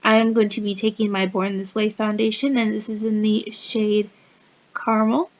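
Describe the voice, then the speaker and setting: A woman's voice: medium pitch, little pitch movement, moderate pace. A woman with a sick-sounding voice, chatting through a casual makeup tutorial as a beauty vlogger and laughing often mid-sentence. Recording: dull, slightly muffled lo-fi recording.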